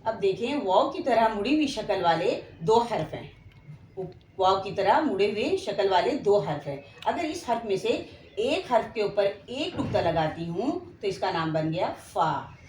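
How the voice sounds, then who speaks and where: Teaching beginners to read Quranic letters, a woman with a Pakistani Urdu accent patiently stretches out each letter name for students to repeat during a slow lesson. Her expressive, medium-pitched voice is darkish and moderately paced, recorded in an echoey room with faint ambience and a little hiss or hum.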